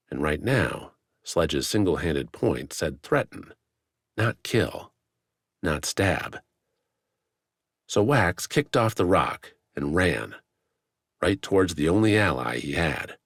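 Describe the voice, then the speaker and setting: A man narrating a fantasy audiobook in a measured, dramatic storytelling manner, on a close studio mic. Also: sits low, breathy edge, no room sound. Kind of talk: scripted narration.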